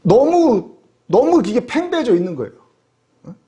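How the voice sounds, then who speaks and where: A man's voice: very high voice, sing-song, moderate pace, dark tone. A man preaching a sermon as pastor, telling stories animatedly and throwing rhetorical questions to the congregation.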